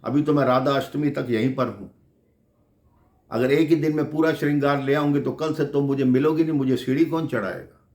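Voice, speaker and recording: A man's voice: mid-range voice, brisk, a little mellow, echoey room, voice pushed up, close to an everyday voice. A man voicing a devout young married woman who speaks earnestly and firmly, in a devotional story. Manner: earnest, determined.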